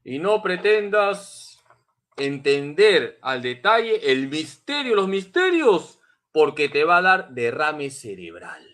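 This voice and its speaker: A man's voice: on the high side, big pitch swings, takes it slowly, a bit bright. A man, a priest, teaching a catechism class, emphatic and repeating key points as he addresses his listeners as brothers.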